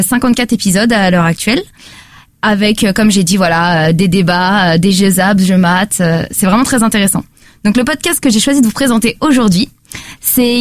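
A woman's voice: mid-range voice, no room sound. A woman presenting her podcast pick in a casual French chat, chatty and full of fillers. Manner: chatty, animated, many fillers. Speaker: podcast reviewer.

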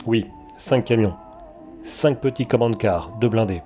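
A cold, grim army officer, as a male storyteller puts him on, who briefs his troops in clipped, flat sentences. The voice sits low and dark, and the reading is storybook style. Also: a little slow, faint music behind, lightly acted. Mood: curt. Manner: clipped, matter-of-fact briefing.

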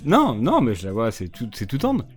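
A man's voice: mid-range voice, wildly swooping pitch, moderate pace, background noise. A man co-hosting a casual podcast, chatty and laughing at his own stories. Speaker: regular co-host. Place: studio.

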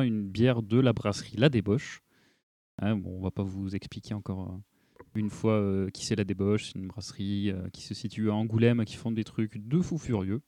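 A man hosting a casual podcast chat about beer, relaxed and chatty with fillers. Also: fairly low pitch, no echo, clean studio sound.

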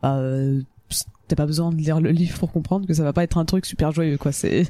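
A panelist talks in a casual film discussion with a mellow voice. The delivery is informal, rewording thoughts along the way, and the sound is very dry. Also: mid-range voice, steady tone, normal speed, dry recording.

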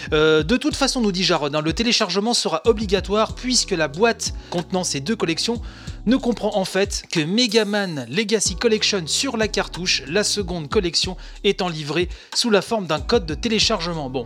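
A man's voice: high-pitched, fairly bright tone. A man hosting a video game news podcast, reading out articles with frequent asides and the filler "hein". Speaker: podcast host.

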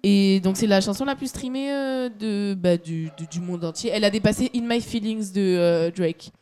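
A woman's voice: medium pitch, moderate pace, mellow, clear, resonant tone. A young woman co-hosting a casual radio show, chatty and giggly, often tripping over her words.

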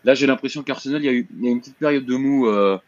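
A man's voice: mid-range voice, racing. A man co-hosting a casual football talk show, slangy and hesitant with frequent restarts. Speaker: football podcast co-host. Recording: dull lo-fi sound.

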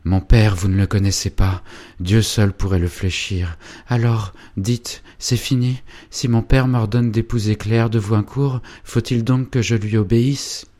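Un jeune noble fougueux, lu par un homme, à la voix très grave qui s'élève et s'emporte pour convaincre celle qu'il aime dans un livre audio. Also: male voice, on the low side, steady tone, a little slow, pitched above the performer's own voice, close to an everyday voice. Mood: désespéré. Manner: urgent, impassioned and loud. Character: ardent young nobleman pleading with his beloved.

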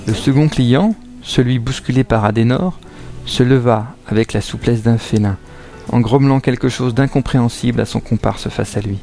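A man narrates an audio drama in a steady storytelling voice of middle pitch. Faint music plays beneath his reading. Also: moderate pace, gravelly.

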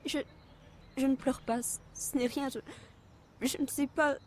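A woman playing a sulking, tearful young lover in an amateur audio drama, evasive and halting, then reproachful. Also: sits high, steady tone, a little mellow. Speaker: voice actress.

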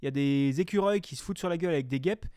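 A man's voice: on the high side, rapid-fire, warm tone, smooth, dry recording, studio quality. Rambling, foul-mouthed young man. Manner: rambling, slangy and profane, with many fillers. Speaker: game reviewer on a stream. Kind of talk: casual chat.

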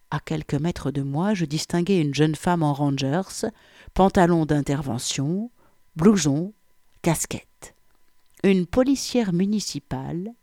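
A woman's voice: low voice, darkish tone, dry recording. A woman reading a first-person story as an audiobook narrator, with wry, vivid storytelling on a close microphone.

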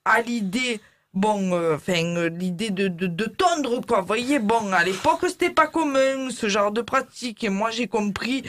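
In a comedy sketch styled as a mock interview, a woman plays a chatty, bawdy beautician who rambles with fillers and cheeky jokes. Her mid-range voice is animated and a bit bright, with a measured pace.

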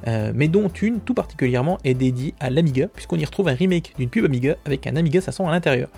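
A man hosts a casual podcast news roundup in a husky, mellow voice. He talks in a chatty way, full of fillers, and cracks self-mocking asides. Faint music plays underneath. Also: on the high side, lively intonation, fast. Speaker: podcast host.

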